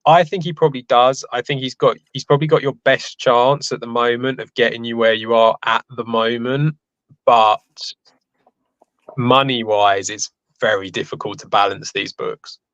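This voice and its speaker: A man in a casual sports podcast chat, speaking in a measured, thoughtful way. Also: mid-range voice, fairly even intonation, fairly bright tone, dry recording. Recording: dull, dry lo-fi mic.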